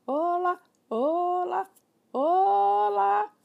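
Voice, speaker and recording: A woman voicing a talking pet parrot that squawks loud, shrill, repeated greetings. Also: drawn-out words, creaky, narrow, tinny audio, exaggerated voice. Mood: squawking.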